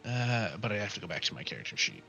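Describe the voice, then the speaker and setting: A man's voice: lowish voice, sing-song, quick pace, creaky, pushed and bright, lo-fi sound, soft background music. A man playing a tabletop game, casually explaining rules to the others. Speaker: player.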